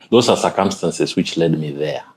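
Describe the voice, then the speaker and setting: A man's voice: very deep voice, measured pace, darkish tone. A man with a Kenyan accent telling stories casually, switching between English and Swahili. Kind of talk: casual conversational storytelling. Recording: light background noise.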